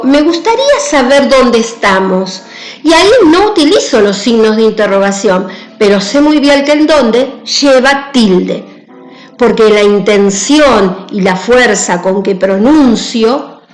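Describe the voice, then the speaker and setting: Woman teacher, grammar lesson, unhurried, checks in often, echoey room. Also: a little high. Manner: patient, repeats key points with "¿sí?".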